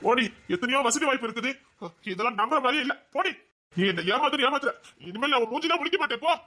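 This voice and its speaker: A man's voice: very high-pitched, expressive, fast, sharp tone, full character voice. A man playing a hurt young lover who curtly sends the woman away and later worries about her. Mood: hurt brusque. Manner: brusque, dismissive.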